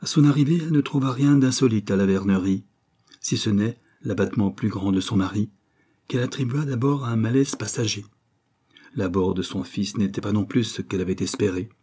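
Man narrating a novel, measured pace, low voice, husky tone. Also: warm tone. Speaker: audiobook reader.

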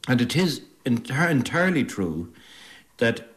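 An Irish man answering interview questions on the radio in a thoughtful, articulate way, with pauses. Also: mid-range voice, very animated, fairly bright tone. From Ireland.

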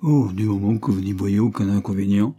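A man's voice: on the low side, fairly quick, warm tone, husky. A man reading aloud voices a wary, anxious woman servant who asks doubtful questions. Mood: wary questioning.

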